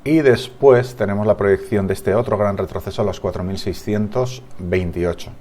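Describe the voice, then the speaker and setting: A man's voice: on the low side, steady tone, normal speed, warm tone. A man with a Spanish accent from Spain, giving a market analysis over charts as a trading analyst, thinking aloud with frequent restarts and tag questions.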